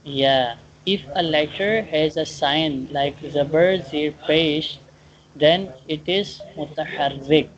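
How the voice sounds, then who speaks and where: A Quran teacher giving a one-on-one online lesson, explaining and drilling pronunciation haltingly, repeating points and often checking understanding. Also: mid-range voice. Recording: dull lo-fi online call, clear background noise.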